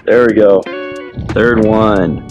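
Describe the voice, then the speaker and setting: A young man filming a casual fishing vlog from a kayak at sea on an action camera, upbeat and chatty, letting out excited whoops when a fish bites. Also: lowish voice, slow, lo-fi sound. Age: young adult. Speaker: fishing vlogger. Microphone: action camera on the boat. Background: loud music bed.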